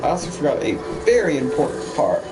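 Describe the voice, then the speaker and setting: A man's voice: on the high side, big pitch swings, quick pace, rough recording. A man streaming a game with casual commentary, rambling as he thinks aloud. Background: loud game music.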